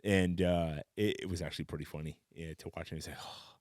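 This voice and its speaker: A man's voice: deep voice, fairly quick, dry recording, studio quality. A man in his thirties co-hosting a podcast, telling teasing stories in casual chat. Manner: teasing, animated storyteller. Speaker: podcast co-host.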